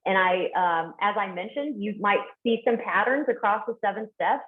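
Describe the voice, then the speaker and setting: A woman's voice: mid-range voice, lively intonation, moderate pace. A woman presenting steps in a webinar, earnest, with frequent fillers and restarts. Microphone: video call. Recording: tinny phone-like call audio.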